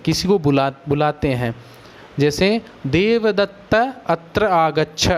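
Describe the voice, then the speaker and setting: A man, teaching a grammar lesson at a deliberately slow pace. His voice sits high for a man. He is patient and explanatory, drawing out vowel sounds aloud as examples. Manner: patient, drawn-out, demonstrates vowel lengths aloud. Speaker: Sanskrit teacher.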